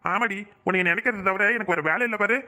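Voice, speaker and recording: A man voicing a gruff young village husband in a cartoon, curt and scolding. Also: high-pitched, a little fast, pushed and bright. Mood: brusque. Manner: brusque and scolding. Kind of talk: cartoon voice acting.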